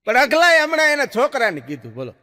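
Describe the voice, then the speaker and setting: A man's voice: extremely high pitch, wildly swooping pitch, quick pace, bright, forceful tone, in a large hall. A man telling jokes on stage, a chatty storyteller who swings his voice up and down for punchlines. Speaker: stand-up comic. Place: live stage show. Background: audience laughter.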